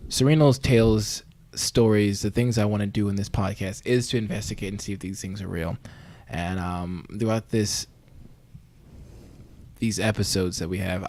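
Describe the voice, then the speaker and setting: This man's lowish voice carries a deadpan, hesitant ramble as he plays an earnest but awkward amateur podcaster. The setting is a mock-investigative interview.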